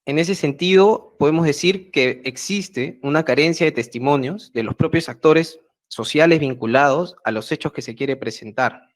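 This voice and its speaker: This speaker at an online project meeting is a man from the central Andes of Peru, with a Peruvian Spanish accent and a slightly high voice. Joining by video call from home, he presents a prepared talk at a measured pace, often pausing on hesitant fillers picked up by the call's mic.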